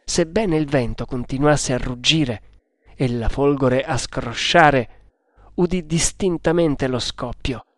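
A man narrating an adventure story in an audiobook with slow, deliberate storytelling. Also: medium pitch, dry recording, clean studio sound.

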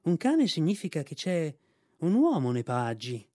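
A male reader voices a proud cavalry horse who asks eager questions. His voice lifts a little higher than the narration and is dry and close. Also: wildly swooping pitch, a little slow, a little mellow, no echo, heavily acted. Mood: curious. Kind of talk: audiobook reading.

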